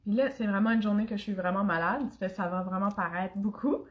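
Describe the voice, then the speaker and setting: A woman's voice: medium pitch, brisk. Young acadian woman doing a makeup tutorial, sick and scratchy-throated, chatty, talks right to viewers. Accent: Acadian French. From Canada. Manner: chatty, addresses viewers and live commenters. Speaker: makeup demonstrator.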